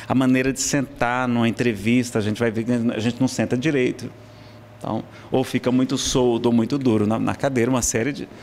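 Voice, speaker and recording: A man's voice: mid-range voice, slight background noise. A man with a Brazilian Portuguese accent teaching a public speaking class in a lecture hall, in a conversational style full of tag questions and self-corrections.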